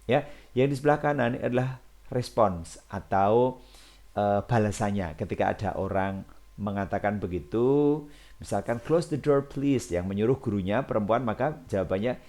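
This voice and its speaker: A man with a fairly low voice gives a recorded language lesson. He explains patiently and slows right down to read each English example with clear stress. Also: a little mellow. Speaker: English teacher.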